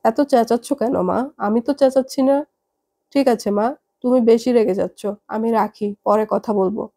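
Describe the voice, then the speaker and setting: A woman voicing a calm young adult daughter who reasons patiently with her parents. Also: on the high side, moderate pace, creaky. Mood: patient, reasoning.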